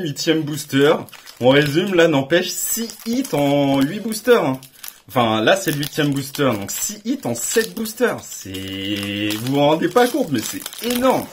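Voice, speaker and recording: A young man hosting a card-opening video, giving excited, slangy commentary and exclaiming loudly at every good pull. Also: fairly high pitch, husky. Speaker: card collector and channel host.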